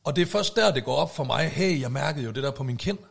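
A man telling a story in casual podcast chat, acting out shouted quotes. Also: medium pitch, gravelly, husky. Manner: animated, acts out shouted quotes.

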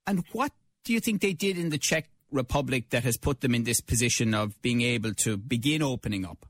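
A man's voice: medium pitch, lively intonation, a little fast, dry recording. A man presenting a radio interview, asking questions in a conversational way.

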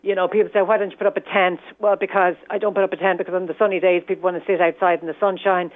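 A woman with an Irish accent calling in to a radio show, talking in an animated, opinionated way with lots of fillers. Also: on the low side, racing, no echo. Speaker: caller, restaurant owner. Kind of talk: casual chat on a phone line. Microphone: phone. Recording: tinny phone line.

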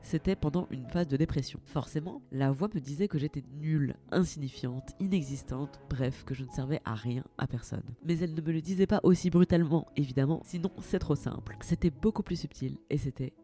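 A woman with a fairly low voice hosts a personal podcast monologue. She addresses the listener directly in a lively, self-mocking tone. Faint music plays underneath. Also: brisk, few pauses. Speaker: podcast host.

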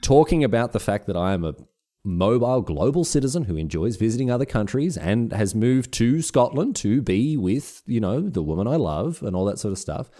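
A man with an Australian accent, co-hosting a podcast and telling stories in a casual, animated way with frequent restarts. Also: mid-range voice, brisk. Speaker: podcast co-host. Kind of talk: casual chat.

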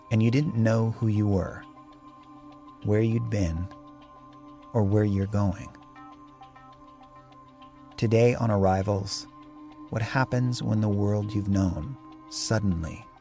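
A man with a fairly low voice hosts the show in scripted narration. He speaks in a measured, reflective way. Soft music plays faintly behind him. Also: gravelly. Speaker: podcast host.

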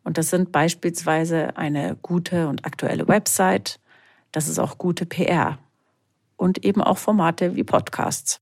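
A podcast co-host explaining a topic in a measured, slightly formal way. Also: mid-range voice, gravelly.

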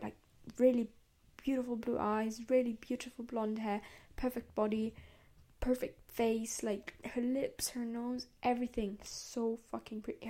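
A woman's voice: on the high side, mellow. A young woman hosting a podcast, delivering a heated, profane, rambling rant and dropping into hissed whispers on the insults. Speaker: podcast host. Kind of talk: casual monologue rant.

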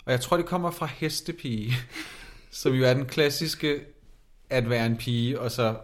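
A man in casual podcast chat, co-hosting in a playful, teasing way. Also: mid-range voice. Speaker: podcast co-host.

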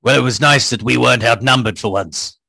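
A man's voice: mid-range voice, a little fast, creaky, pushed and bright, breathy edge. A man playing a tabletop game, playful and jokey, describing his characters' actions. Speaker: player.

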